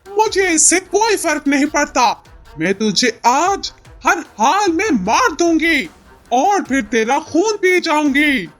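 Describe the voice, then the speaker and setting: Brief: woman as a bloodthirsty cartoon witch, slow and menacing, high lively voice. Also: faint music behind, exaggerated voice. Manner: threatening, taunting, drawn-out. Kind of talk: cartoon voice acting.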